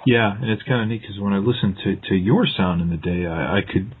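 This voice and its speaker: Over a tinny phone line with slight hiss or hum, a man interviews a musician, his voice lowish and fairly quick. He's casual and agreeable, posing long questions packed with fillers and offering lots of short agreeing replies.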